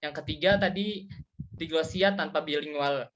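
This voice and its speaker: A young student acting as moderator takes over the presentation, speaking formally at a middle pitch and working through numbered points. The sound is dull and lo-fi. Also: normal speed, a little hiss or hum. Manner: formal, steady reading with enumerated points. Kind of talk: class presentation. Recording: dull lo-fi recording.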